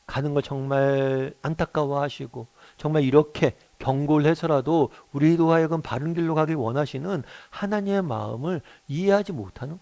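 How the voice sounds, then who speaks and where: A man's voice: a little high, a little mellow. A middle-aged male pastor giving a morning devotional sermon, earnest, often putting questions to his listeners.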